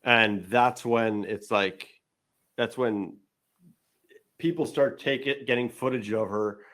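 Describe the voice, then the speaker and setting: A man's voice: takes it slowly, a bit bright. Rambling man brainstorming story ideas. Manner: rambling, acts out quoted lines in higher voice. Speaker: podcast host. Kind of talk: casual brainstorming chat.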